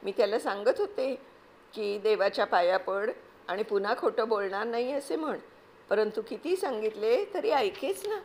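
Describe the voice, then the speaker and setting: A woman's voice: medium pitch, animated, darkish tone, lightly acted. A woman reading aloud, voicing a stern but loving village mother who scolds firmly. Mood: reproachful. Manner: firm, scolding, measured.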